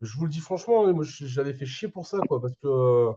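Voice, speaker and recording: A guitarist talking casually in a band interview, animated and full of restarts. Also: male voice, mid-range voice, fast talker, dull audio.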